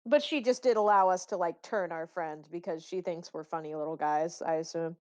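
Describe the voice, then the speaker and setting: A woman's voice: fairly low pitch, brisk, dry recording. A woman playing a tabletop game, bantering casually with friends.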